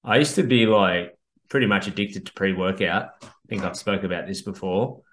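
Australian man, podcast host, casual, understated and laid-back, slightly low voice, echoey room. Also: normal speed, fairly bright tone. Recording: roomy, echoey sound.

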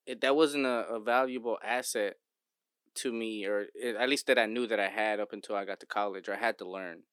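A man's voice: lowish voice, fairly even intonation, fairly quick, fairly bright tone, smooth, dry recording, studio quality. A young American man chatting casually and in slang, often restarting his sentences. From Cleveland, Ohio, United States. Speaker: host recording the call. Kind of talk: casual chat.

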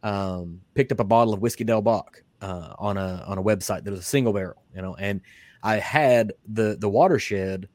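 A man's voice: on the low side, normal speed, darkish tone, no echo. A man hosting a whiskey podcast interview, talking in a rambling, casual way with many restarts and fillers. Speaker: podcast host.

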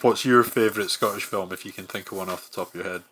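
A man's voice: fairly low pitch, fast talker, breathy edge. A man hosting a podcast, chatting casually and rambling with lots of fillers. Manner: relaxed, rambling with many fillers. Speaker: podcast host.

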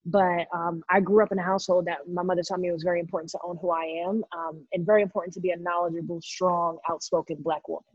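A woman in her thirties from New York City, a guest in an interview, talking loudly and passionately about herself. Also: on the low side, fairly even intonation, fast, hardly any pauses, breathy edge, no echo, muffled recording. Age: 30s. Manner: loud, outspoken, passionate. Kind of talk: casual interview talk.

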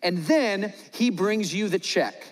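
A man's voice: sits high, animated, takes it slowly, long reverb tail. A man preaching a sermon to his church, playful and joking with the congregation, acting out little scenes. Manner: acts out little scenes in voices. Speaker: pastor. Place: large church hall.

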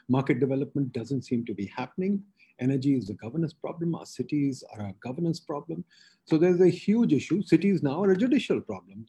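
A man's voice: medium pitch, dark tone, husky. A man with a Pakistani accent hosting a webinar, presenting informally with slides in short, emphatic statements. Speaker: webinar host.

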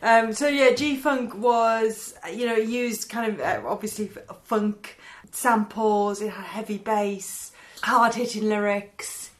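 A woman's voice: mid-range voice, steady tone, slow. A woman hosting a podcast, explaining things in a casual, conversational way. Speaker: podcast host. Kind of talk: casual informative chat.

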